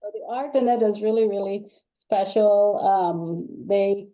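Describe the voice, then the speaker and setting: Over dull, lo-fi call audio, a guest author, an older Trinidadian woman, talks casually in an interview, rambling in loose stretches with plenty of ums and restarts. She speaks at medium pitch, a little slowly.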